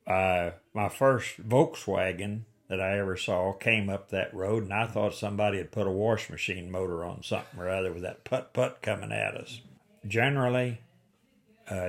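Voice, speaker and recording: In his eighties and from the rural Missouri Ozarks, United States, this man shares oral history memories as an interviewee. His voice is on the low side and a bit bright, with an Ozark Appalachian-style accent and a folksy, plain-spoken way of telling stories.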